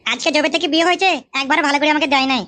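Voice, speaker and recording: A touchy young son-in-law, voiced by a woman grumbles and swears at high speed. The voice stays high and bright throughout. It is a comic village skit. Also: rapid-fire, dry recording. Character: hot-tempered young son-in-law, man.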